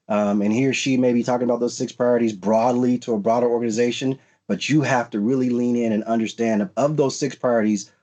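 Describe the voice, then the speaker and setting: On a virtual panel for a recruiting event, a low-voiced, mellow man from the United States offers career advice. He's sincere in tone but often fills pauses and starts his sentences over.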